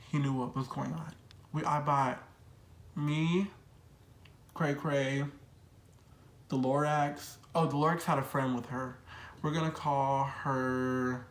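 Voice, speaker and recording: A young adult vlogger tells a personal story in casual, slang-heavy chat and repeats phrases for emphasis. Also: medium pitch. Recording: echoey room.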